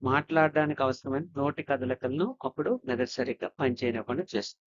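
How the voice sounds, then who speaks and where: A man's voice: mid-range voice, fast talker, dull audio. A man teaching an exam-prep lesson, explaining step by step and mixing English terms into his talk.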